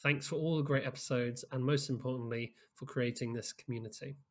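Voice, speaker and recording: A man's voice: medium pitch, fairly even intonation, fairly quick. A man co-hosting a podcast, chatting casually and reading out listener messages, with plenty of "like" and "um". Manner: rambling, many fillers like "like" and "um". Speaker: podcast co-host.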